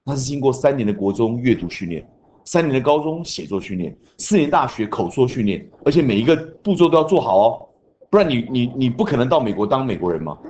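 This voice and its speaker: A man's voice: medium pitch, very animated, quick pace, darkish tone, a little hiss or hum. A man, teaching an English class and drilling grammar rules with chanted mnemonics. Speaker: junior high English teacher. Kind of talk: classroom lecture.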